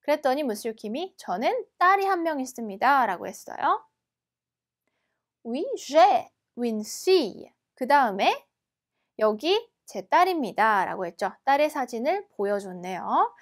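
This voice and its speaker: A woman teaching a language lesson, explaining patiently and repeating each word slowly and carefully. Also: high voice, big pitch swings, fairly bright tone. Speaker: French teacher.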